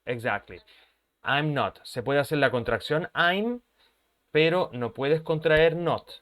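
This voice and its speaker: A man's voice: on the high side, slow, fairly bright tone. A man, an English teacher who explains patiently, repeats his points and keeps checking that his students follow. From Chile. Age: 30s. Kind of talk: language lesson explanation.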